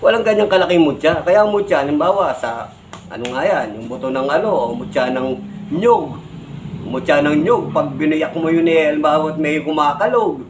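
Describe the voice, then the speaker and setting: A Filipino man with a fairly high voice lectures to his camera, pressing his points and tagging them with quick questions. Faint background noise sits under his talk. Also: animated, poor audio. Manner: lecturing, repeats "no?" and "di ba?" as tags. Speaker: vlogger. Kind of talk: scolding explanation to camera.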